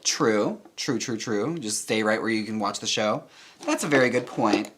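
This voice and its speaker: A young man chatting casually with viewers while getting ready, campy and quick to laugh. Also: lowish voice, expressive, a bit bright, slight background noise. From United States. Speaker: drag performer and channel host. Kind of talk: casual chat while reading viewer comments.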